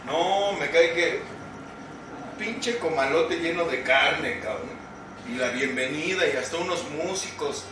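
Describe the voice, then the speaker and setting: Slowly and in a slightly high voice, a Mexican man recounts his recovery to a group meeting, using slang, swearing freely, and performing other people's lines. The recording comes from far away in an echoey hall with noise.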